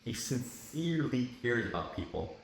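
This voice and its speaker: A man co-hosting a podcast, chatting casually and animatedly, often laughing and jumping up in pitch when excited. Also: normal speed. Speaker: podcast co-host. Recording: echoey room with faint noise.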